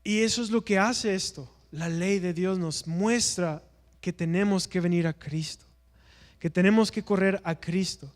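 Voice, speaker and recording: A man's voice: sits high, unhurried, long reverb tail. A man teaching an evangelism class in a church, earnest and preacher-like, asking rhetorical questions and answering them himself.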